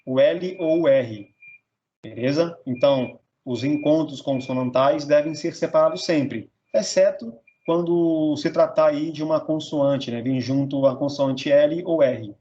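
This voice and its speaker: A man's voice: a little high, unhurried, dark tone, lo-fi sound. A Brazilian man teaching a grammar lesson, sounding out words syllable by syllable and checking in with "tá?" and "beleza?". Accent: Brazilian Portuguese.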